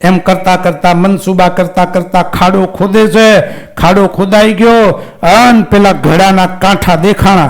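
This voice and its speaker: High-voiced man telling a devotional tale. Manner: lively narration, acting out characters. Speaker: katha storyteller. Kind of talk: devotional story sermon.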